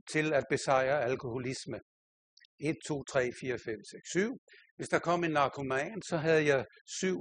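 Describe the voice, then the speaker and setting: Older male preacher, a bit high-pitched, anecdotal sermon, self-deprecating and chuckling. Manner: storytelling, self-mocking, laughing often. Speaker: pastor.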